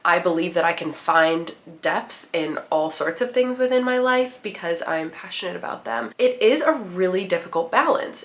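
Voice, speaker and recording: A woman's voice: fairly low pitch, a bit bright. A young woman vlogging casually, chatty and upbeat, her voice a bit nasal from a cold. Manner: upbeat, chatty, many "like" fillers. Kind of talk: casual vlog talk to camera.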